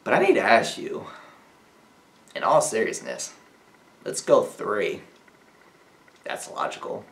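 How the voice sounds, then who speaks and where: A man's voice: fairly low pitch, wildly swooping pitch, slow, creaky, echoey room, distant mic. A young man co-hosting a casual sports talk show, teasing his co-host with sarcastic, swearing banter. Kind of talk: casual chat.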